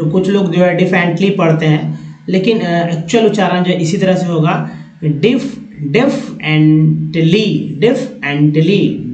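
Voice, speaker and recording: A man teaching pronunciation, repeating each word slowly several times, with quick remarks in between. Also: on the high side, darkish tone. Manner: quick asides between slow drills. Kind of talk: lesson. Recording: echoey lo-fi room recording.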